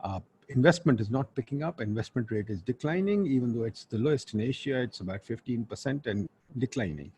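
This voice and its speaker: A man's voice: mid-range voice, expressive, brisk, hardly any pauses, a little mellow, slight background noise. A man with a Pakistani accent hosting an online webinar in an informal, blunt way, with Urdu asides. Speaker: webinar host and moderator. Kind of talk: informal spoken webinar introduction.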